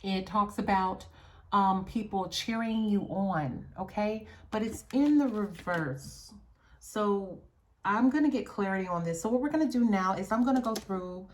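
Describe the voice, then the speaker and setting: A woman's voice: mid-range voice, a little slow, a little hiss or hum. A woman giving an earnest, reflective tarot reading and often checking in with her viewers. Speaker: tarot reader. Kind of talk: spiritual tarot reading monologue.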